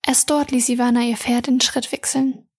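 Breathy lady reading her fantasy story, kinda high, soft and hushed. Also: level tone, normal speed. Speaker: reader and author.

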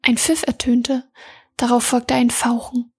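A woman reading her own fantasy story aloud, narrating softly and often half-whispering. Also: a little high, flat delivery, measured pace, breathy edge. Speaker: reader and author.

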